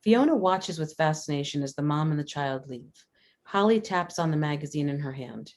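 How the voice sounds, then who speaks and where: For a table read, a woman narrates screenplay stage directions in a matter-of-fact way. Her deep, darkish voice has lively intonation and a moderate pace.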